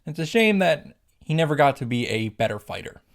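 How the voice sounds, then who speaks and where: Over background music, a man recaps the story of a visual novel in casual scripted narration, wry in tone and dramatically emphatic. His gravelly voice is fairly high, swings widely in pitch, and moves at a fairly quick pace.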